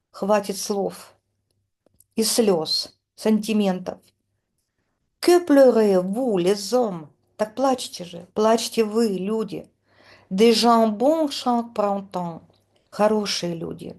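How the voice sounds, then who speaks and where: Middle-aged woman, French teacher, slow and mellow, expressive line-by-line reading. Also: mid-range voice. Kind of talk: reading a poem aloud line by line with translation.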